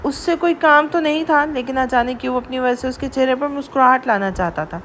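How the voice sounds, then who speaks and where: A woman reads a romantic audio novel aloud in scripted narration, with an even storytelling delivery. Her voice is high, with faint noise behind it.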